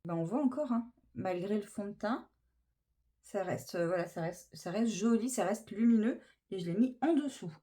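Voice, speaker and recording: A woman's voice: mid-range voice, animated, moderate pace, dark tone. A woman chatting casually through a makeup tutorial, gushing with enthusiasm over each product. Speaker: beauty vlogger.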